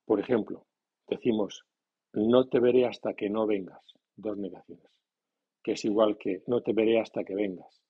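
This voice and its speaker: A man teaching a grammar lesson in a measured, scripted way, reading example sentences slowly. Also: lowish voice, fairly even intonation, slightly rough. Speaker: language teacher. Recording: dull lo-fi sound.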